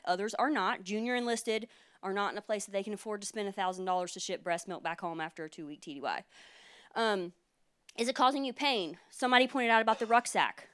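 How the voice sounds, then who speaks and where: A woman in her thirties, a military lawyer, giving an earnest conference presentation with frequent fillers, her voice a little hoarse. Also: medium pitch, a bit bright. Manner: earnest, explanatory, many fillers. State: losing her voice.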